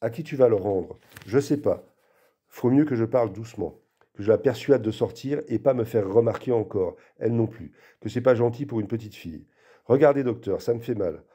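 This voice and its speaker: A man giving an expressive literary reading aloud and acting out the quoted lines. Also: mid-range voice, a little fast, slightly rough. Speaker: reader.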